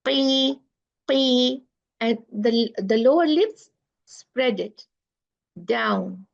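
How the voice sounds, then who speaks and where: Brief: female tajweed teacher, higher voice with gravelly fry, dull lo-fi recording. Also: animated, darkish tone. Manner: slow, repeats sounds to demonstrate pronunciation. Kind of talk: online lesson.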